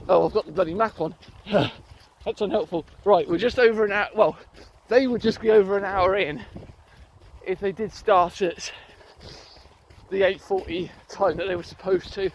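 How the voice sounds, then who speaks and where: A man's voice: high voice, normal speed. A British man vlogging casually while running, rambling and hesitant as he thinks aloud. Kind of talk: casual unscripted vlog chat. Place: outdoors on a rural riverside footpath. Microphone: handheld phone or recorder on the move. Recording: noisy outdoor handheld recording, clicks.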